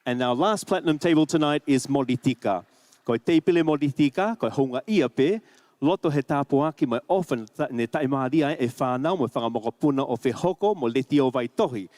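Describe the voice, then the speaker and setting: A man's voice: medium pitch, a little fast, a little mellow, no echo. A man with a Tongan accent speaks as master of ceremonies at a dinner, making formal, ceremonious announcements that are partly read out.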